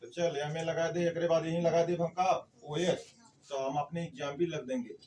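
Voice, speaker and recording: High-voiced chemistry teacher. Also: male voice, fairly even intonation, moderate pace, a little mellow, recorded from a distance. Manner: questions the class and answers himself, coaxing. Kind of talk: classroom lecture.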